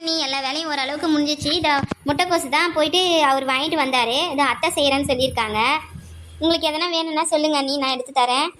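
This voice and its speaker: A woman voicing a polite, eager-to-please young daughter-in-law in an animated family cartoon story. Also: high voice, fast, background noise, close to an everyday voice.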